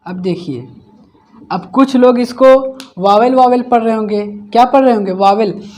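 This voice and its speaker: A man's voice: very high-pitched, darkish tone. A man teaching English grammar in a class, asking each question and then repeating the answer himself. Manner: explains slowly, step by step. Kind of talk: classroom lesson.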